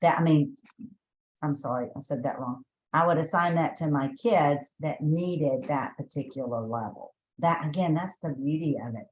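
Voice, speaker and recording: Speaking at a moderate pace in a low voice, a Southern-accented Texas woman runs a teacher training webinar in a chatty manner. She thinks aloud, restarting sentences and using fillers, and the lo-fi recording has a roomy sound.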